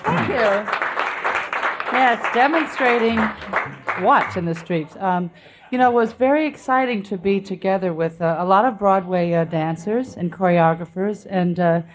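A woman's voice: mid-range voice, normal speed, crowd noise, noisy background. A woman guest on a radio talk show, speaking casually with many fillers as she explains a cause. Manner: chatty, with frequent um and uh fillers. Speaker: guest dancer.

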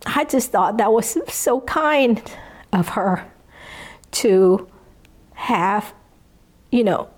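In an interview, a woman in her fifties earnestly looks back on her life, offering a reflective testimony at an unhurried pace broken by pauses. Her voice is medium-pitched and animated; she was born in Vietnam, speaks Vietnamese natively, and has a Southern US accent.

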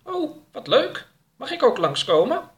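Guy putting on a squeaky naive young guy, eager questions, bounces all over. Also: very animated, a little slow, a bit bright, heavily acted. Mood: innocent. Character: odd, naive young man, cheerful and literal.

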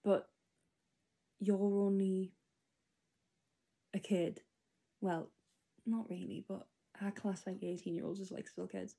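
A woman's voice: mid-range voice, flat delivery, slow, gravelly, pauses often, warm tone, breathy edge. A 25-year-old woman rambling through a spoken diary entry, casual and full of fillers. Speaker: podcast host.

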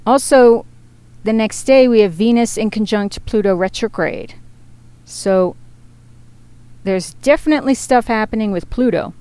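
A woman's voice: on the high side, measured pace, warm tone, smooth, dry recording. A woman giving a casual spoken astrology forecast, chatty and rambling, often laughing at herself. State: feeling hot and sweaty.

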